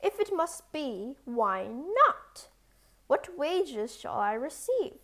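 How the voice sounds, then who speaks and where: A woman's voice: sits high, very animated, takes it slowly, a bit bright, exaggerated voice. A woman voicing a small, sly, boastful male tailor in a storybook, with a cheeky, showy manner. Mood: agreeable. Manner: ostentatious, cheeky.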